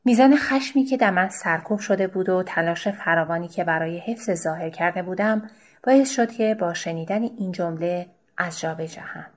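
A woman reading a literary novel aloud in the first person, in a soft, hushed manner that drops toward a whisper. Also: fairly low pitch. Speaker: audiobook narrator.

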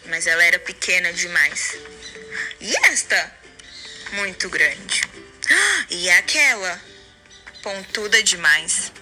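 A woman reading a children's story aloud in an expressive narrating style. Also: mid-range voice. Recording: music under the voice. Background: music.

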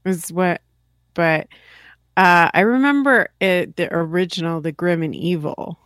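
A woman co-hosting a casual podcast chat, making dry, unhurried remarks. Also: on the low side, a bit bright, no echo. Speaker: podcast co-host.

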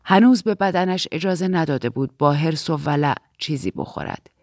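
A woman narrating a novel in a calm, expressive storytelling voice. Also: deep voice, no room sound, studio quality. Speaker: audiobook narrator. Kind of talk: scripted literary narration.

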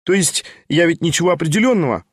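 A jittery, excitable young schemer, put on by a male reader pours out his words in a quick, lifted voice. He chatters and presses on without pause. The sound is dry and close. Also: on the high side, slightly rough, no room sound, pitched above the performer's own voice. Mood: eager, chattering. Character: eager fast-talking scheming young man.

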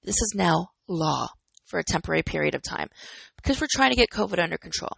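A woman's voice: lowish voice, sing-song, quick pace, gravelly, a bit bright, breathy edge, dry recording, low-quality recording. A woman in her forties talking in an earnest, encouraging and reflective way, as host of a personal motivational talk, smiling as she speaks. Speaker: podcast host.

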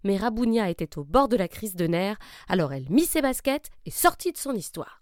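Lively expressive woman reading a storybook. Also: mid-range voice, fairly quick, no echo, clean studio sound.

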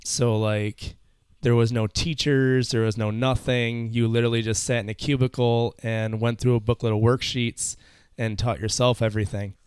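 A man's voice: mid-range voice, level tone, moderate pace, hardly any pauses, darkish tone, smooth, dry recording, clean studio sound. A man as a podcast guest, telling his own story in an earnest, slightly nervous way. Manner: earnest, a little nervous, with fillers. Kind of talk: casual storytelling.

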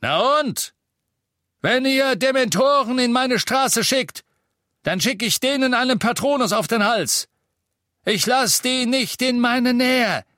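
A man voicing a gruff, defiant old male innkeeper wizard who bellows scornfully at his enemies. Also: mid-range voice, expressive, slow, pauses often, no echo, clean studio sound. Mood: bellowing. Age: older.

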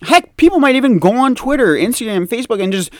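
An American man ranting in an exasperated, mocking tone, often dropping low to mimic the people he criticizes. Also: animated, quick pace, dry recording. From United States. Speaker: commentator. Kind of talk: opinion rant to camera.

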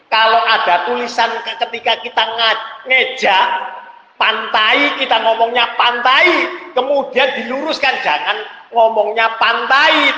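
Preacher, high bright voice, slow and lively, echoey hall, lo-fi. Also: male voice. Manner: animated, laughing asides and sudden shouts. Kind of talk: religious lecture. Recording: echoey hall, dull lo-fi sound.

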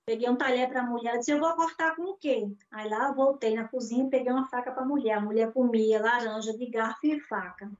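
Brazilian woman guest, high voice, lively storyteller, Brazilian Portuguese accent, muffled video-call sound. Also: quick pace, few pauses. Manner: animated storyteller acting out dialogue. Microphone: video call mic. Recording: dull lo-fi call audio.

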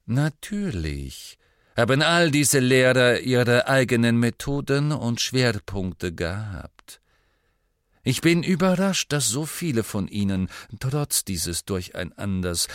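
Snape: a man doing a cold, slow-spoken teacher. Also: medium pitch, very animated, clean tone, dry recording, clean studio sound, pitched above the performer's own voice. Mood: icy. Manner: slow, deliberate, cutting. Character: cold, contemptuous male teacher.

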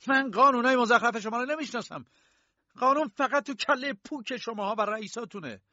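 A wronged young clerk of thirty shouts his protests, high and strained, with a man reading the part. His outrage comes across on a dull, lo-fi audiobook track. The room adds no echo at all. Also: expressive, gravelly, slightly rough. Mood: outraged. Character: indignant thirty-year-old male bank clerk, arrested. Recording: dull lo-fi dry recording.

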